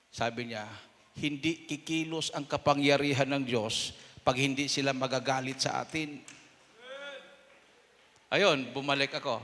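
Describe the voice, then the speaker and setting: A Filipino man preaching a sermon testimony, telling a story and acting out quoted voices with sudden loud bursts. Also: on the high side. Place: church hall. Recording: long hall reverb.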